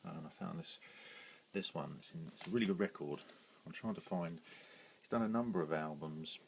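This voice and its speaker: A man's voice: sits low, a little fast, gravelly, a little hiss or hum, rough recording. A British man casually showing his record collection, rambling with plenty of ums and self-corrections. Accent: British English. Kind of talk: casual show-and-tell vlog.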